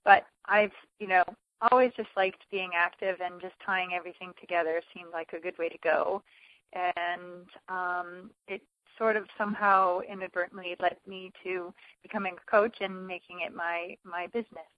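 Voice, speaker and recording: A woman triathlon and swim coach from New England in a phone interview, talking with many pauses and restarts. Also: fairly low pitch, level tone, no room sound. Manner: hesitant, many fillers and restarts. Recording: dull phone line.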